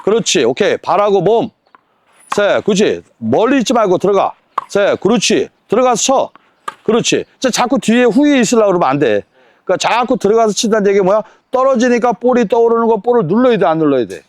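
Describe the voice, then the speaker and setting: A man coaching a tennis lesson on court, counting drills and firing quick rhetorical questions at his student. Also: high voice, big pitch swings, darkish tone, no echo.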